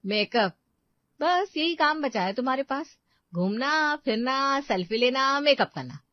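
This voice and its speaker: A woman's voice: fairly high pitch, lively intonation, moderate pace, no room sound, pitched above the performer's own voice. A woman voicing an angry young housewife who scolds and sneers in a harsh, sarcastic tone, for a cartoon story. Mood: scornful. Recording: dull lo-fi voice track.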